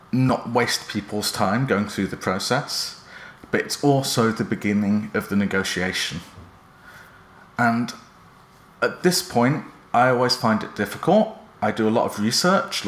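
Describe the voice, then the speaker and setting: A man presenting instructional career advice in a measured, earnest, explanatory manner. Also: on the low side, a bit bright. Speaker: presenter giving job interview advice. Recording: roomy echo around the voice.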